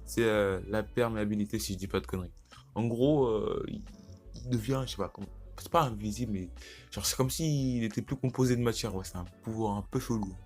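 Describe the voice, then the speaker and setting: A low-voiced teenage man rambles through a casual anime commentary vlog, getting excitable and slangy and restarting his sentences often. Faint music plays underneath the whole time. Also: fairly quick. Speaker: YouTuber.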